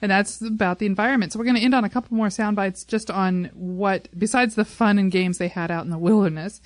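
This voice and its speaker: A woman co-hosts a casual fan podcast about a TV show, chatting and rambling as she goes. Her medium-pitched voice keeps a steady tone at a quick pace, with no room sound.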